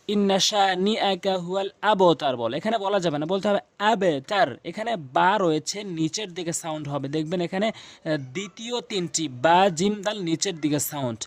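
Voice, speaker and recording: A man teaching Quran recitation, spelling out letters slowly and repeating each sound. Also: high-pitched, dry recording. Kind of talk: recitation lesson.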